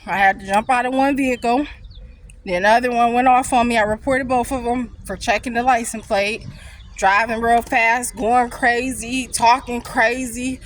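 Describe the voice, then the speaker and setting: A woman's voice: on the high side, fairly even intonation, moderate pace, slight background noise, rough recording. Breathless young woman vlogging on the move. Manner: rambling and candid, talking while walking. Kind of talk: casual chat. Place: outdoors on foot, near traffic.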